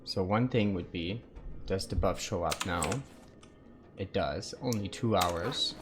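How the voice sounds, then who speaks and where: A man's voice: deep voice, takes it slowly, noisy background. A man live-streaming a survival game, thinking aloud and chatting casually with his viewers.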